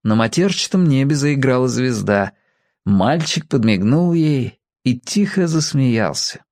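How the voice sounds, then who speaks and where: A man's voice: medium pitch, expressive, unhurried, a little mellow, no echo, clean studio sound. A man reading a children's story aloud, expressively giving each character a voice of their own.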